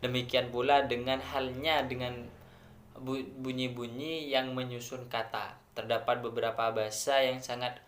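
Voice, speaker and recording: A man with an Indonesian accent presents a lesson in an academic tone. He is measured and goes through each point step by step, pausing on fillers. His mid-pitched voice rings in an echoey room. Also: flat delivery, a bit bright. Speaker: student presenter.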